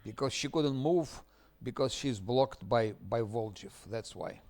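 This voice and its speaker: This man from Ukraine speaks with an Eastern European accent and a mid-range voice while casually commenting on the game he's streaming. Quiet muttering to himself and halting sentence restarts come up often.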